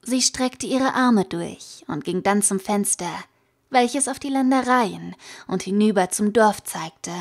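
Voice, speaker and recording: A woman reading a fan fiction story aloud as an audiobook, with steady, even storytelling. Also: medium pitch, slow, creaky. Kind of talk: audiobook narration.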